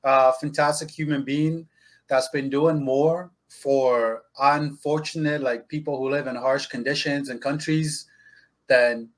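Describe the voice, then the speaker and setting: A man's voice: medium pitch, steady tone, unhurried. A man from Zimbabwe co-hosting a casual podcast, talking emphatically and addressing listeners directly. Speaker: podcast co-host.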